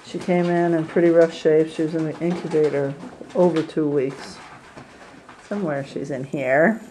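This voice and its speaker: Brief: a woman rehabber with a low, warm voice, giving a gentle, chatty tour through a handheld camera. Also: fairly even intonation, normal speed, slight background noise, low-quality recording. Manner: gentle, chatty, coos at animals. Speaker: squirrel rehabilitator. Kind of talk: casual video tour. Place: indoor rehab room with cages.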